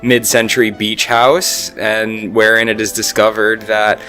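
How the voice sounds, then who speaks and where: A man in his thirties co-hosting a podcast, telling stories slowly and wryly, with chuckles along the way. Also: lowish voice, flat delivery, bright, forceful tone, soft background music. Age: 30s. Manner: wry, slow storytelling with chuckles. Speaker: podcast co-host. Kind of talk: casual chat.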